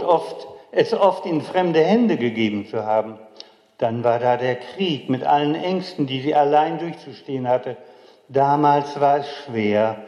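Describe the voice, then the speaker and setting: A man's voice: mid-range voice, warm tone. An older man tells a childhood memory in a solemn, reflective way. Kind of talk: memoir storytelling. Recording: dull, echoey hall recording.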